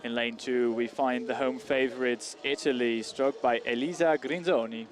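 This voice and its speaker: A man calling a rowing race live as a commentator, with hesitant phrasing full of small pauses. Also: mid-range voice, fairly even intonation. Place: outdoor regatta commentary spot beside the grandstand. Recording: crowd noise behind. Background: crowd.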